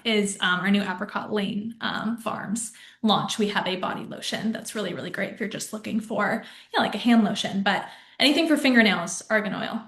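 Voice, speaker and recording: A woman's voice: mid-range voice, a bit bright. A young adult woman from a skincare brand, giving casual skincare advice with lots of "um" and "you know". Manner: chatty, many fillers like um and you know. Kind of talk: casual informative talk. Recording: echoey room.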